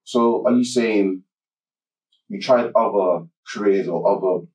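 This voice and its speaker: Low voiced interviewer guy, kinda far from the mic, echoey room. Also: a little mellow. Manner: measured, recaps before asking. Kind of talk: interview questions.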